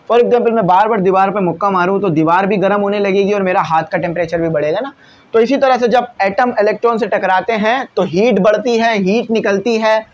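High-pitched male physics teacher, explanatory lecture style. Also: darkish tone, lo-fi sound. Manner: explains with everyday examples, keeps checking understanding; reads English textbook lines slowly and deliberately. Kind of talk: classroom lecture on video.

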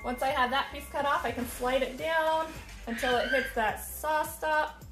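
A woman's voice: high voice, steady tone, normal speed, fairly bright tone, soft background music. A woman in her thirties giving a casual, upbeat step-by-step woodworking tutorial in her shop, filmed on a phone held at arm's length. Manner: upbeat, chatty, laughs at own slips. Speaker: woodworking instructor. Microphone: phone camera at arm's length.

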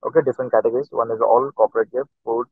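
A male instructor with a medium-pitched, husky voice races through an online lecture in a steady tone, explaining each step and saying "okay" constantly. It's a screen recording of the class, picked up by a computer mic on a video call, so the audio sounds tinny and dry.

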